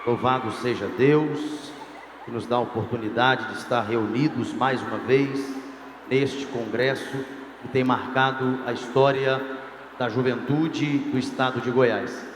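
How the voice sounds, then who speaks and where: A man's voice: mid-range voice, steady tone, unhurried, a little hiss or hum. A male pastor preaching a sermon to a youth congress in an emphatic, rising preacher's cadence. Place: large congress hall. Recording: echoey hall, faint crowd ambience.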